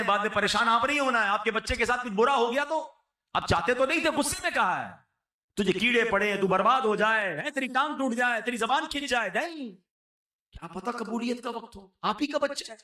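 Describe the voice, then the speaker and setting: High bright-voiced man preaching, echoey. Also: distant mic. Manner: earnest, exhorting, shifts between raised and hushed delivery. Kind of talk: sermon. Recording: echoey room, voice off the mic.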